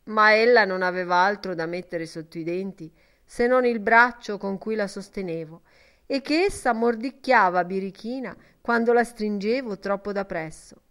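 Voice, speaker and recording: A woman's voice: medium pitch, moderate pace, a bit bright, natural voice. A woman reading an earnest young man in an audiobook, speaking fervently and in a confiding tone.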